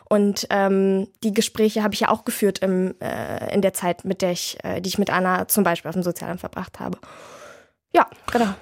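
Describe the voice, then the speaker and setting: A woman's voice: mid-range voice, dry recording, studio quality. A woman author answering interview questions in a candid, chatty way with many fillers and restarts.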